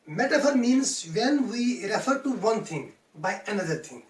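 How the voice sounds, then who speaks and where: A woman's voice: mid-range voice, expressive, normal speed. A woman teaching English poetry in a methodical lecture, restating each point in simple words. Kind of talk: explanatory classroom lecture. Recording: roomy sound from a distance.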